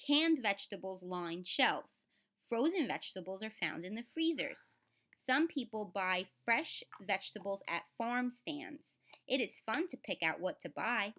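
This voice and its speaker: With big pitch swings and a sharp tone, a woman reads a children's book in a mid-range voice without hurrying. She teaches as she reads, speaking to the children directly, explaining things simply, and sounding out words.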